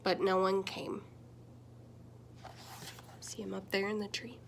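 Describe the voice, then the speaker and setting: A gravelly-voiced young woman reads a children's picture book slowly, like a teacher, over some background noise. Her reading is gentle and expressive, full of big changes in pitch and loudness.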